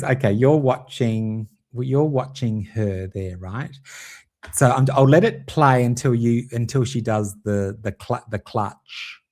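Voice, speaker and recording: Man, tarot stream host, theatrical, giggly, unhurried delivery, middle pitch. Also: darkish tone. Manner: theatrical and giggly, calls viewers darling. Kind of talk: casual livestream commentary.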